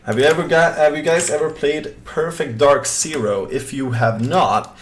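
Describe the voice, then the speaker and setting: Speaking at normal speed with fairly even intonation, a young Swedish-accented man with a voice on the high side chats casually during a game stream. He rambles, reads chat aloud, and relies on many fillers.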